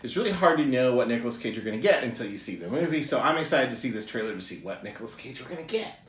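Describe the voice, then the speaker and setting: A man's voice: mid-range voice, expressive, rapid-fire, echoey room. A man co-hosting a trailer reaction show, chatting casually in a rambling, joking way with lots of ums and uhs.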